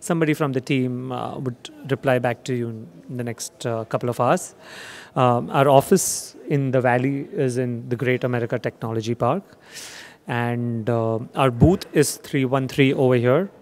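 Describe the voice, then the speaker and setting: In a dark trade-show demo theater, a young man gives a sales pitch for his company. He speaks at a normal speed in a medium-pitched voice, hesitating and using many fillers.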